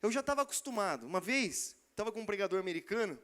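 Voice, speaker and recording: A male preacher tells a story to his church in a lively, slangy way. His voice sits high and bright. He talks fast and keeps the energy up.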